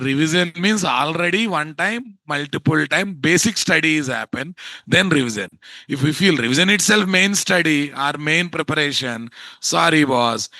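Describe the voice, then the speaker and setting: High-pitched Telugu-accented Indian man teaching class. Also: bright, forceful tone, no echo. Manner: scolding, exasperated, rhetorical questions, tag words. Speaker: instructor of a software course. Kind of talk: live online class, informal lecture.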